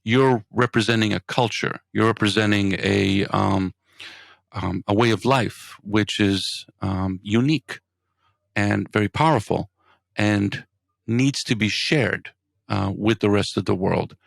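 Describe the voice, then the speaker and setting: A man's voice: fairly low pitch, unhurried, creaky, dry recording, studio quality. A man who hosts radio, asking thoughtful interview questions in a hesitant, word-searching manner.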